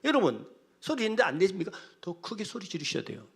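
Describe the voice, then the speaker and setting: A man's voice: high-pitched, wildly swooping pitch, quick pace, fairly bright tone, husky. A male pastor preaching a Sunday sermon with passion, acting out the cries of the people in the story. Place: church sanctuary.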